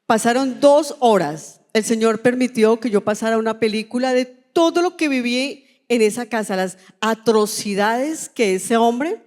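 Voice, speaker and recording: A woman's voice: fairly high pitch, animated, a little slow, hardly any pauses, a little mellow. A woman pastor with a Colombian accent preaching a sermon as personal testimony, telling her story with emotion and acting out the dialogue. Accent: Colombian Spanish. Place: large church hall. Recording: long church-hall reverb.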